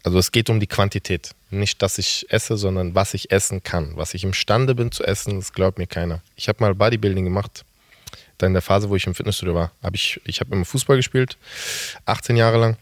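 A man's voice: sits low, a little fast, dry recording. Candid man rambling in a dry close voice. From Germany. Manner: rambling, candid, self-mocking. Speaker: guest. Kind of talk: casual podcast conversation.

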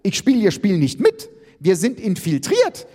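A man voicing a hysterical, aggressive woman who screeches her insults far above his own pitch. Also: sing-song, a little fast. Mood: screeching paranoia. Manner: screeching, very high and loud. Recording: long hall reverb.

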